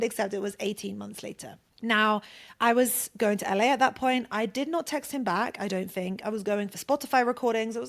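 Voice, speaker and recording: A woman hosting a podcast, telling a personal story in a casual, chatty way, swearing freely and saying "like" a lot. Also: on the high side. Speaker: podcast host.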